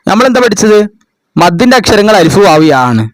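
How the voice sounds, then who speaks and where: A man's voice: high voice, expressive, brisk, dry recording. A man tutoring children in a revision lesson, patiently asking questions and answering them himself. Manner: explains patiently, asks and answers his own questions. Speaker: madrasa tutor.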